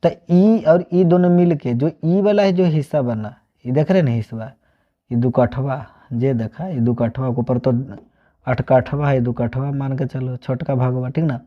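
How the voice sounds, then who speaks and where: A man's voice: mid-range voice, normal speed. A man from Bihar with a Bihari accent, teaching a math lesson online. He asks questions and answers them himself, mixing Hindi with regional dialect. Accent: Bihari, Magahi-tinged Hindi. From Bihar, India. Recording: dull lo-fi sound.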